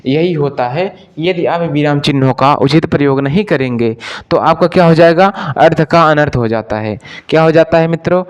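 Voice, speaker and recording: A male Hindi teacher giving an exam-prep lesson, repeating each question to the class and then answering it himself, and addressing listeners as friends. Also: on the high side. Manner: stretches out example sentences slowly.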